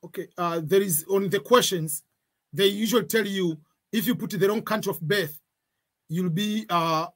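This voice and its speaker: Guy in his 40s explaining a form step by step on webcam, kinda husky, keeps repeating stuff. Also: high voice, moderate pace, fairly bright tone. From Tanzania. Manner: repeats points, gives examples, cautionary tone. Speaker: online tutor. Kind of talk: screen-share tutorial.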